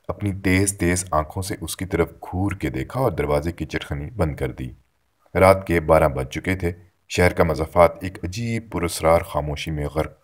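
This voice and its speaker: A man narrating a short story in a measured, steady reading. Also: sits low.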